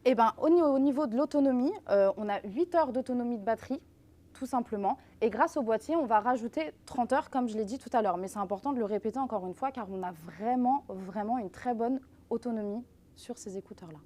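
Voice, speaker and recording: A woman with a slightly high voice gives a live product demonstration. She speaks as a brand representative, explaining features step by step and addressing the audience directly. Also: fairly quick, warm tone. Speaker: brand representative presenting earbuds.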